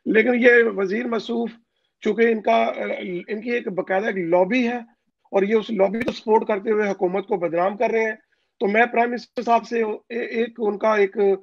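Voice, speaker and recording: A man's voice: high-pitched, fairly even intonation, normal speed, creaky, no room sound. A man from Pakistan speaking as an interview guest over a phone call line, insistent, with many hesitant fillers. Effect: voice heard over a phone call line. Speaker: interview guest, overseas community leader. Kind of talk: political interview. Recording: dull, dry phone call audio.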